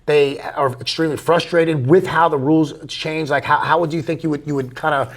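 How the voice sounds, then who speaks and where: A man's voice: on the high side, steady tone, a little fast. A man chatting casually as an interviewer, rambling through long, wound-up questions. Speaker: interviewer, high school baseball coach.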